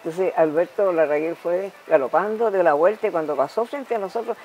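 A Chilean woman in her nineties, a talk-show guest telling lively anecdotes and punctuating them with spoken sound effects. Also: lowish voice, a little fast, muffled recording, slight background noise. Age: 90s.

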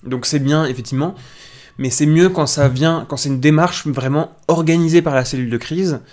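A man's voice: on the high side, moderate pace, darkish tone. A man hosting a casual morning live stream on news, just waking up and talking with many hesitations and restarts. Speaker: livestream host.

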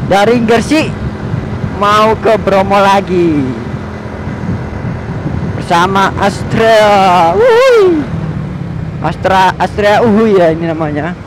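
A young man chatting and joking as he rides a motorbike on a highway, talking to viewers in casual slang. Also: big pitch swings, slow pace, pauses often. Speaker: motovlogger. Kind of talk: casual riding commentary. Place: riding a motorbike on a highway outdoors. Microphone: helmet or bike camera mic. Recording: loud wind and traffic noise. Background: engine and traffic noise.

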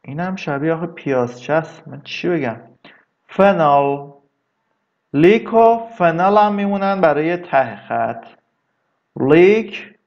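A man teaching English vocabulary in a casual lesson, drawing words out slowly and adding chatty asides. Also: fairly high pitch, animated, creaky, muffled recording. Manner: slow, drawn-out repetition of words, chatty asides.

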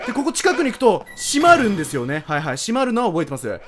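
怖がりながら実況する男性ゲーム実況者. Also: male voice, high-pitched, wildly swooping pitch, quick pace, a crowd in the background. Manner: jumpy, yelps and shouts at scares, talks to the screen. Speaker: game streamer. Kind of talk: horror game let's play commentary.

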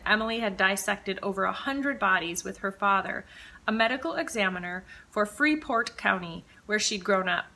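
A woman author reading her own mystery novel aloud with measured, expressive storytelling. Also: mid-range voice, rough recording. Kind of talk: audiobook-style reading of fiction.

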